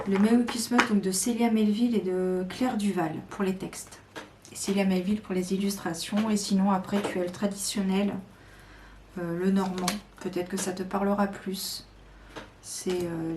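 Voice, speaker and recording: A woman's voice: mid-range voice, a little mellow. A woman chatting casually to her viewers about her card decks, hesitant with many fillers and enthusiastic. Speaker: tarot and oracle card YouTuber. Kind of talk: casual chat to camera. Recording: echoey room with faint noise.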